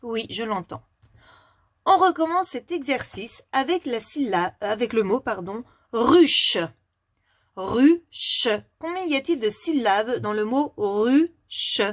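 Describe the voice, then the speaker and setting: A woman teaching a phonics lesson to young children, asking questions patiently and clearly articulating each word. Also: fairly high pitch, lively intonation, a little slow, no echo, studio quality.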